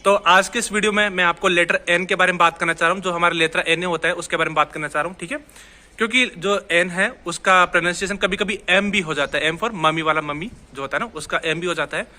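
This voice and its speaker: A man's voice: sits high, fairly even intonation, quick pace, pushed and bright. A young man gives a casual, patient language lesson, repeating words and checking in with his students often. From India. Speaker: Spanish teacher.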